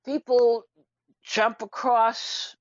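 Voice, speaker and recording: A Trinidadian woman hosts an unscripted radio talk show, speaking slowly and emphatically, posing rhetorical questions and pausing deliberately. Her voice is a little high with little pitch movement. The sound is dull and lo-fi, and completely dry, with no room sound.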